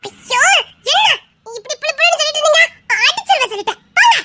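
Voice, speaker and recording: A woman playing a shy young village woman in love, with a Tirunelveli Tamil accent, soft and tearful, giggling through tears. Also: very high voice, big pitch swings, fast talker, heavy background noise. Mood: playful teasing. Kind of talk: acted romantic drama.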